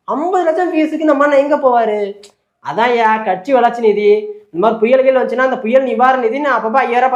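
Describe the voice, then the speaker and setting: Fast, mocking satirical commentator. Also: high voice, a little mellow. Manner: fast, mocking storytelling with acted quotes. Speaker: political commentary host. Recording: roomy, slightly dull recording.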